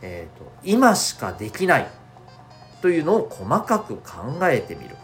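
A man talks as the host of a solo podcast, courteous and chatty. His voice is stuffy and nasal, as with a blocked nose. The intonation rises and falls in an animated way, with faint music behind him. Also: medium pitch, a little slow. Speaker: host of an audio show for schoolchildren and parents.

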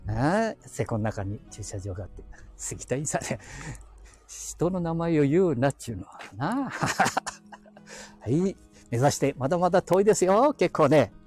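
Casting: chatty Aichi-dialect man, husky, lively up-and-down delivery, outdoor walk on a phone mic. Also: on the high side, unhurried, soft background music. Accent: Aichi (Nagoya-area dialect). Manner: chatty, talks to himself, chuckling asides. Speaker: live audio streamer. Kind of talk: casual rambling walk-and-talk. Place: outdoors on quiet residential streets. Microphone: phone held in hand while walking.

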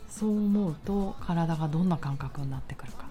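A low-voiced woman leads a grounding meditation in a dark, relaxed tone. She takes her time, leaving soothing pauses between instructions. Faint music plays behind her. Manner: slow, pausing, soothing delivery. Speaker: relaxation exercise guide.

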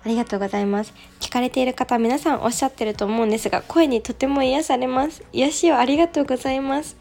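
A young woman hosting a casual solo radio talk, reading listener messages in a soft, gentle way with delighted thanks. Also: high voice, fast talker, creaky. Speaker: radio show host.

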